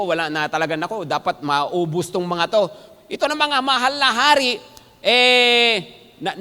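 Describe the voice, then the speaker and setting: A man's voice: high-pitched, pushed and bright. A male pastor preaching a sermon to his congregation. He keeps checking in with the listeners through short questions. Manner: addresses the congregation and often checks in with "no?" and "amen po?". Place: church sanctuary. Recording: long reverb of a large hall.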